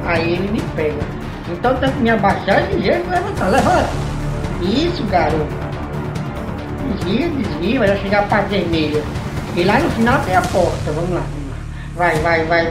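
A man hosting a horror game let's play, excitable and exclamatory, talking himself through each move. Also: sits high, echoey room, poor audio. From Brazil. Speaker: gaming channel host.

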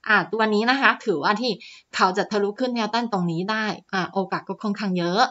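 Narrating over a screen recording, a woman acts as a teacher and talks through stock charts on a shared screen. She speaks quickly in a mid-range, slightly bright voice, chatty and full of fillers and polite particles, and the audio's highs are cut off.

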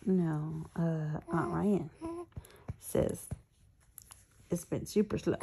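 A young woman, a new mother, talking baby talk to her infant in a soft cooing voice that often drops to a whisper. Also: deep voice, drawn-out words, gravelly, slight background noise.

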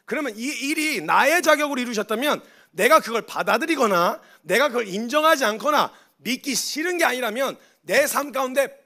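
Guy preaching a sermon, pretty high voice, bright and sharp, really animated. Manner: animated, acts out voices in dialogue. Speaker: missionary preacher.

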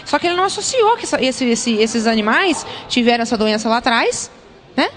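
A woman's voice: fairly high pitch, sing-song, fairly quick, fairly bright tone. A young woman veterinarian answering interview questions into a handheld mic indoors, often restarting her sentences. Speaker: veterinarian speaker. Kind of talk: on-camera interview. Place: indoor hall.

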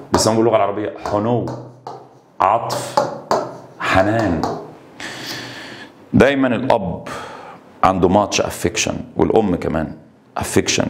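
A man with an Egyptian Arabic accent teaching an English exam-prep lesson. He reads English words slowly, explains them quickly in Arabic and stresses key words. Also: low-pitched, vocal fry, a little hiss or hum.

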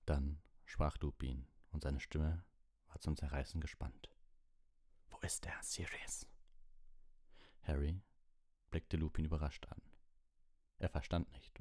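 A man reading an audiobook in a steady, measured narration. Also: very deep voice, dry recording, clean studio sound. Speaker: audiobook reader.

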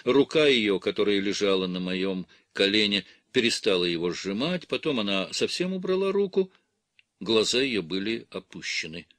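A man reading a classic novel aloud as an audiobook in a calm, measured way. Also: fairly low pitch, no room sound. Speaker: audiobook reader. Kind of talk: scripted literary narration.

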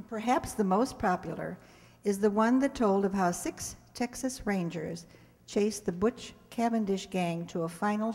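An older woman with a mid-range, slightly mellow voice introduces a stage radio play, reading a scripted introduction to an audience. She stands on a stage in an indoor community hall, using a handheld-style microphone on a stand, and the hall adds reverb.

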